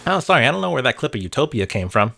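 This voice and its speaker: A man races through a scripted video essay in a medium-pitched, gravelly voice that's sharp and sing-song. Music runs beneath the narration. His style is wry and conversational, with casual asides and occasional mild swearing.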